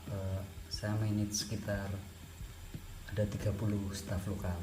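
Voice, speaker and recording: Measured Indonesian man in an echoey room. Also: lowish voice, completely flat delivery, warm tone, soft background music. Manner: measured, thoughtful, with pauses. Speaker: guest, former NGO logistics manager. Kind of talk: relaxed conversational interview.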